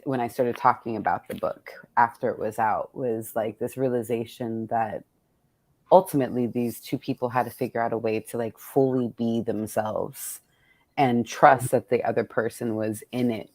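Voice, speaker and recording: A middle-aged woman with a very deep, darkish voice speaks with no echo. She's a poet hosting a virtual book event, chatting casually and reflectively, thinking aloud candidly and often repeating "like."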